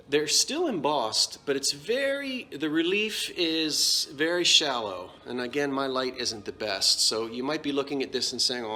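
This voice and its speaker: Medium in pitch with a sharp tone, this man speaks with a New Jersey accent as he casually presents antique dishes. He's an antiques seller doing a show-and-tell vlog, chatty and prone to correcting himself.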